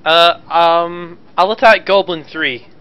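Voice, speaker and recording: Bright, high-voiced man chatting over a game. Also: fairly even intonation, slow pace, clear, resonant tone. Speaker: player in tabletop role-playing game. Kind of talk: casual chat.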